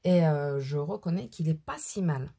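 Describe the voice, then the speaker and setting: Woman, middle-aged, husky, mellow, low voice, rambling makeup vlog chat, has a cold. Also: animated, normal speed. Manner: chatty, rambling, self-deprecating asides. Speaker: beauty vlogger. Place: at home at her mirror.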